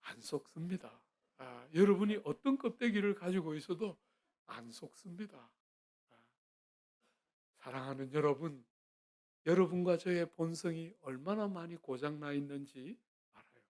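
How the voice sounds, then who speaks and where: A middle-aged man, a guest pastor, preaching a sermon in a church, earnest and swinging between quiet and loud. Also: on the high side, lively intonation, moderate pace, long pauses. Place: church sanctuary.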